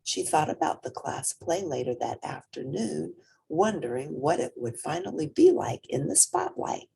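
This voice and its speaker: Reading at a normal speed, a storybook reader gives a children's picture book a dramatic, animated performance. Her low voice is husky and breathy, falling to whispers and lingering on some words.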